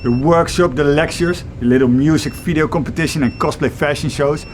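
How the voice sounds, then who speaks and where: A man's voice: a little high, a little fast, a little hiss or hum, lightly acted. A man playing a gloating, sarcastic villain with a theatrical, taunting delivery in a hobby film. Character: gloating, sarcastic male villain with a doomsday plot. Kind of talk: hobby convention film acting.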